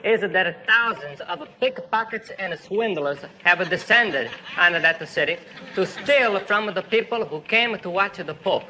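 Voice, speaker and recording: A rambling comic priest character in a put-on accent on a sketch show. The voice sits high and sounds very bright and sharp. A faint hiss runs underneath. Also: male voice, expressive, unhurried, exaggerated voice.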